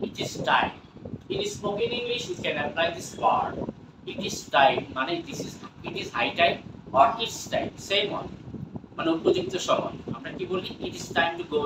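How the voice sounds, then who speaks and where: A male teacher, his voice high and very lively, drawing out each English example slowly. He sounds far from the microphone in an echoey classroom, with traffic noise clearly heard behind him. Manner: mixes Bengali explanations with slow, drawn-out English example sentences; often checks understanding with quick questions. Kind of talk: classroom grammar lesson. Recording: echoey room from far off, noisy with passing traffic.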